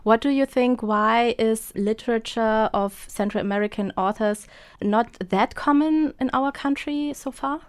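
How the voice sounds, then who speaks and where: Female radio host, measured and polite, dry studio close-up. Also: a little high, smooth, no echo. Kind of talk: radio interview and scripted intro.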